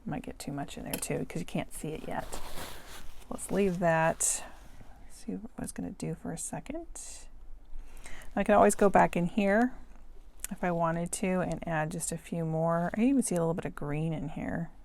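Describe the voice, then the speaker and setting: Hoarse woman talking through a painting demo. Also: lowish voice, normal speed, a little mellow. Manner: chatty, self-narrating while painting, drops to near whisper at times. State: hoarse, losing her voice. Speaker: watercolor art instructor. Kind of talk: real-time painting tutorial.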